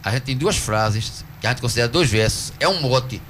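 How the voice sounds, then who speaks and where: A man with a Northeastern Brazilian accent speaks in a mid-pitched voice as a guest in a radio studio. He explains patiently and like a teacher, drawing out words to mark rhythm and syllables. A faint hiss sits under the recording. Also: lively intonation, a bit bright. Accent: Northeastern Brazilian Portuguese. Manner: earnest, teacherly, slows to stress syllables. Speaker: cordel poet, interview guest. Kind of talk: radio interview, explaining at length.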